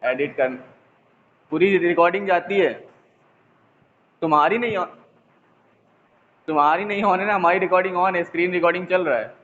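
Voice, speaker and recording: Chatty teacher scolding students on phone. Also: male voice, high voice, normal speed, pauses often, a bit bright. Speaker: physics teacher. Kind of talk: online class, casual teasing. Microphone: mobile phone. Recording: echoey, tinny phone line, faint noise.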